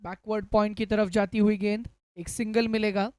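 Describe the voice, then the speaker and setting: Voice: medium pitch, flat delivery, normal speed, a little mellow, dry recording, studio quality. A Hindi cricket commentator calling play ball by ball, mixing in English cricket terms.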